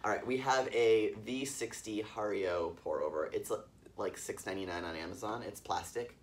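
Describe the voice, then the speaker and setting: A man's voice: lowish voice, moderate pace, recorded from a distance. A man hosting a casual coffee-making vlog in a yurt, explaining in an easygoing, wordy way. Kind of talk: casual chatty demonstration. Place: yurt in the mountains.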